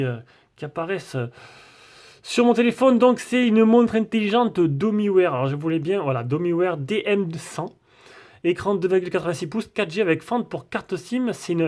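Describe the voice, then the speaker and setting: A man's voice: on the high side, darkish tone. A man doing a casual, rambling tech review, full of fillers and restarts.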